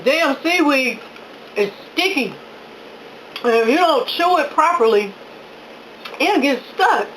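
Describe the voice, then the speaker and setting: A woman with a high voice talks slowly and unhurriedly, gushing with delight between bites as she tastes her own cooking. She chats through mouthfuls at home, with a faint hiss of background noise in the recording. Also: animated, a bit bright, rough recording. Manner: talking with her mouth full while chewing. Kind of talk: casual talk while tasting food.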